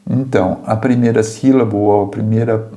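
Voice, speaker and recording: A man's voice: fairly low pitch, steady tone, normal speed, warm tone. A man teaching German pronunciation, patiently repeating words and checking in with "tá?" and "certo?". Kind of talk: language lesson, explaining pronunciation.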